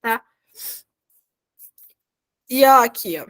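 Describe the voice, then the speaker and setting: A woman's voice: fairly high pitch, animated, extremely slow, a bit bright. A woman teaching a Spanish grammar class over a video call, explaining verb endings patiently step by step and repeating herself often.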